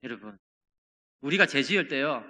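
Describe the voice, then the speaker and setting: A middle-aged male pastor preaching a sermon, earnest and shifting between emphatic and hushed delivery. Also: mid-range voice, expressive, normal speed. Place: church sanctuary. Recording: church hall reverb.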